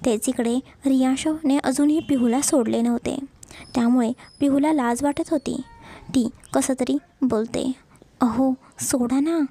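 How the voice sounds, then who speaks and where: A woman's voice: high-pitched, fairly even intonation, moderate pace, gravelly, warm tone. A woman narrating a romance story.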